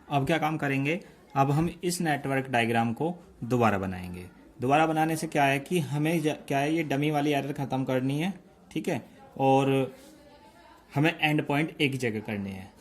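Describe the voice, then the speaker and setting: Man teaching step by step. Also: medium pitch. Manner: explains slowly, checks in often. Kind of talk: step-by-step lecture.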